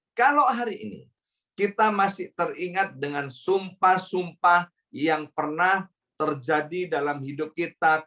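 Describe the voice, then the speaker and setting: A man's voice: fairly high pitch, bright, forceful tone. A male pastor giving a church sermon in a chatty, conversational way, often addressing the congregation directly and adding tag questions.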